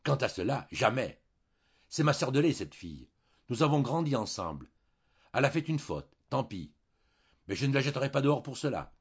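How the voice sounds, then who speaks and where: A man's voice: low-pitched, very animated, moderate pace, long pauses, breathy edge, full character voice. A man voicing a young wife, earnest and stubborn, pleading and insistent, on a dull lo-fi recording.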